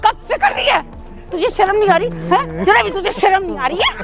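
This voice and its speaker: A woman playing a furious mother who scolds her grown daughter in a shrill, repetitive way. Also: expressive, brisk, gravelly, over music, full character voice. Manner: shrill, scolding, repeats herself.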